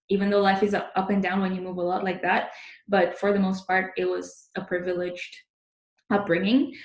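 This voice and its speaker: A woman's voice: on the low side, roomy sound. A young woman from Indonesia, a business journalist, speaking to the camera about her life in a thoughtful way with many fillers. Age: young adult. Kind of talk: personal reflection to camera. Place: room at home, indoors. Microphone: laptop webcam, close framing.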